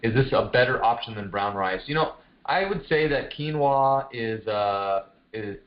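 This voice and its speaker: Hosting a group phone call as a fitness coach, a man chats casually and encouragingly at a moderate pace. His mid-range voice is expressive, and the sound is dull, lo-fi conference call audio with no music behind it.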